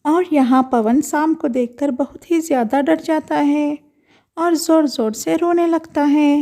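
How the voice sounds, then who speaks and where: A woman's voice: high-pitched, fairly even intonation, a little slow, dark tone. A woman narrating a village doll story with dramatic, exclaiming asides.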